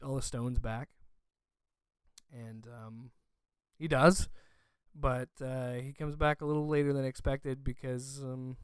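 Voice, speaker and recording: Young guy gushing on a podcast, smooth voice, dry close sound. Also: medium pitch, a little mellow, no echo. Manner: emotional and gushing, with frequent fillers. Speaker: podcast host. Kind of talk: casual movie review chat.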